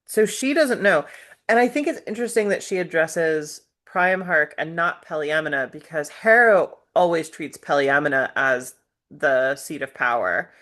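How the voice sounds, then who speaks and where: A woman with a notably low voice co-hosts a relaxed book-club podcast. She works through the text in a measured, analytical way and keeps raising questions. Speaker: podcast co-host.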